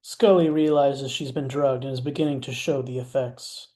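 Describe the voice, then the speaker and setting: A man's voice: medium pitch, fairly even intonation, normal speed, dark tone. A man narrating stage directions in a matter-of-fact way, with wry asides. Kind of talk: scripted narration.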